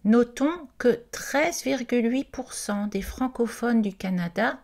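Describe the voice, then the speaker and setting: A woman's voice: fairly high pitch, lively intonation, measured pace, darkish tone. A woman reading an informational presentation aloud, carefully and with the odd hesitant aside. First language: not Quebec French.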